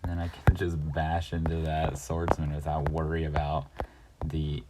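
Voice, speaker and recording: A man's voice: extremely low pitch, monotone, normal speed, very noisy. A man giving laid-back commentary over his own strategy game, narrating each move and chuckling at himself. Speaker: gaming youtuber. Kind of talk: casual gameplay commentary.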